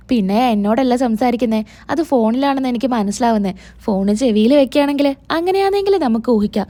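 Woman voicing a gentle elderly father. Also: high voice. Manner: gentle, reflective.

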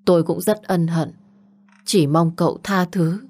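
A humble, guilt-ridden old father, read by a woman in a spoken story. He begs softly in a lowish voice. He sounds worn down by regret. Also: fairly even intonation, unhurried. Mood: pleading. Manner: humble, pleading. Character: bitter old father, remorseful and pleading.

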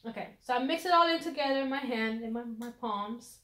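A woman's voice: a little high, fairly quick, sharp tone. A woman vlogger chatting casually through her hair routine, full of fillers, recorded on a phone camera. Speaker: beauty vlogger.

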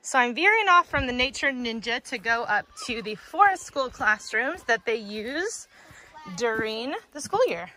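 A woman's voice: fairly high pitch, animated, moderate pace, pushed and bright, slight background noise. A woman giving a casual, chatty walking tour of an outdoor school, a bit out of breath, exclaiming at what she finds. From United States. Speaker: vlogger touring a school. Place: outdoors at a wooded farm school.

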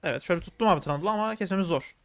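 Talking to viewers while he plays live, this high-voiced male streamer gives excitable, slang-filled play-by-play. His commentary comes very fast.

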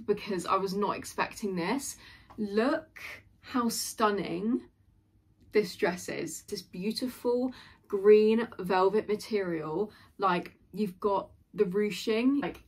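A young woman in her twenties chatting through a clothing haul in her bedroom, gushing and full of likes and ums. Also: lowish voice. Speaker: fashion haul vlogger. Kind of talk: casual try-on haul chat. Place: small bedroom, indoors.

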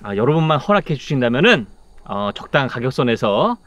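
An actor playing a smooth-talking, deferential middle-aged resort developer, polite and hesitant, in a web drama. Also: male voice, mid-range voice, big pitch swings, a little fast, a bit bright, muffled recording, a little hiss or hum. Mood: polite, ingratiating. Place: outdoors in the countryside.

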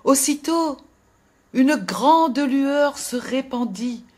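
A woman narrating a fairy tale in a gentle, expressive storytelling voice that drops to a hush at sad moments. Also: sits high, extremely slow. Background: faint music.

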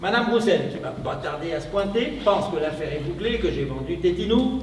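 An actor plays a crooked, bossy businessman who drills his partner in brisk, sardonic instructions in a fairly high voice. He is heard from a distance in a very echoey theatre hall with long reverb and a faint background hiss. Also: expressive. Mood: briefing. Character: scheming, unscrupulous middle-aged businessman, bossy and sardonic. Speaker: stage actor. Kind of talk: amateur stage comedy. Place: theatre stage. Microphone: distant room mic.

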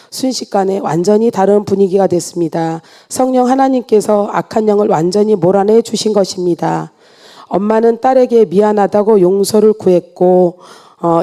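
A woman giving an earnest church testimony, read aloud in a steady way with small restarts. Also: mid-range voice.

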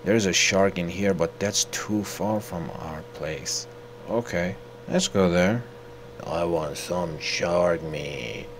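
Man, gameplay commentary, low voice, slow talker, crude joking, loud outbursts. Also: noisy background. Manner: joking, crude banter with game characters, sudden loud outbursts. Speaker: streamer.

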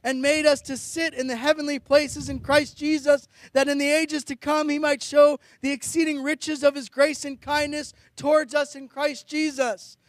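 The sermon comes from a middle-aged pastor on a high outdoor ledge in a blizzard, his very high-pitched voice flat in delivery at a moderate pace with few pauses. Earnest and declamatory, he reads out scripture into a close handheld or stand microphone, with no echo.

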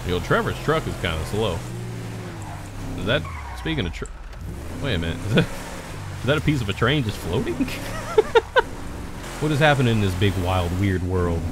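A man giving casual gameplay commentary as a streamer, with excitable, joking, swearing reactions. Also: on the low side, normal speed, pauses often, noisy background. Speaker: gaming streamer.

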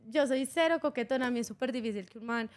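Giggly Colombian woman, high voice. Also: fast. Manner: giggly, laughs often while telling stories. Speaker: radio show guest. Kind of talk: casual chat. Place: radio studio.

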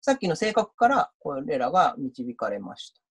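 A male lecturer teaching an online class, his pitch swinging lively between high and low. His voice is a little husky and unclear through a computer mic. He keeps it chatty, picking up viewer comments as he goes. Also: normal speed. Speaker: university lecturer.

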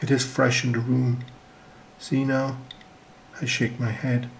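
A man reads his own short story in a calm, measured first-person voice. His pitch sits in an ordinary middle register. He sinks to a near whisper when he gives the detective's lines. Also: gravelly, a little hiss or hum, rough recording.

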